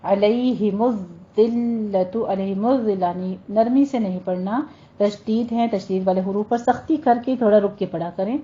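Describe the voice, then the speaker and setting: A woman teaching Quran recitation, saying each word slowly and patiently and correcting common mistakes. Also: mid-range voice, mellow, dull audio. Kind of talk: recitation lesson, modelling sounds slowly.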